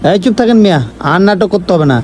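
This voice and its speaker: A man's voice: high voice, very fast, a little mellow, natural voice. A man playing a young man fooled by a greedy girlfriend, pleading and then indignant. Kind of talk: amateur comedy skit acting.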